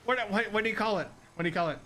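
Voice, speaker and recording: A man's voice: sits high, fairly bright tone. A man chatting casually with a friend while gaming, joking, swearing and laughing often. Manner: profane, joking, quick to laugh. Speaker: gamer. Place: Saint Louis.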